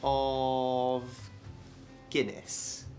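A man's voice: mid-range voice, completely flat delivery, drawn-out words, darkish tone, faint music behind. A teenage boy giving dry, wry sitcom narration. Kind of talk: scripted sitcom voice-over narration.

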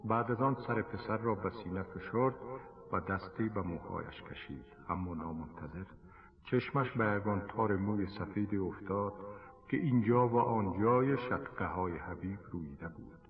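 Man narrating a story, Afghan Dari accent, very low voice, measured, tinny phone-like radio sound, long reverb. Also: a little hiss or hum. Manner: slow, measured, literary. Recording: tinny old radio broadcast with reverb and music. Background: music.

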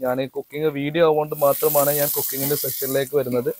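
A man's voice: medium pitch, flat delivery, fast talker, darkish tone, a little hiss or hum. A man doing casual vlog narration outdoors behind a house, chatty and talking straight to viewers with teasing asides. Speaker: family vlogger cooking.

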